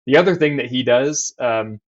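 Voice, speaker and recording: A man's voice: medium pitch, normal speed. A man, a basketball coach, explaining defense in a voice-over over diagrams and game clips, with restarts as he points things out. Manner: explanatory, restarts and fillers while drawing on screen. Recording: slightly dull lo-fi sound.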